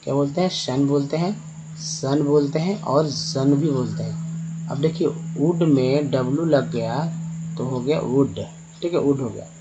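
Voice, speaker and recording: A man's voice: mid-range voice, normal speed, noisy background. A man teaching English reading over slides, patiently spelling words letter by letter and asking then answering his own questions. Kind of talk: spoken lesson over slides.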